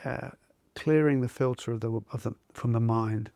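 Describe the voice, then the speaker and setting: A male mindfulness teacher in easygoing conversation. He gropes a little for words as he explains. His voice is average in pitch, and the sound is dry and close. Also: normal speed, gravelly, dark tone, clear, resonant tone, dry recording. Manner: thoughtful, searching for words. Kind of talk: conversational discussion.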